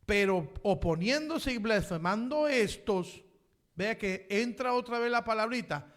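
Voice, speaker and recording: A man, preaching a sermon. He calls out to the congregation as brother and repeats amen, and he swings from loud, impassioned passages to quiet asides. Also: sits high, measured pace. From Chile. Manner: impassioned preaching that rises to shouts, then drops to quiet asides. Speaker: pastor.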